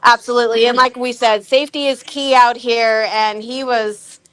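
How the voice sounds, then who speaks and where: High, bright-voiced woman commentator. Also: flat delivery, normal speed, clean tone. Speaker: event commentator and host. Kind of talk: live event commentary. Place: outdoor off-road race event.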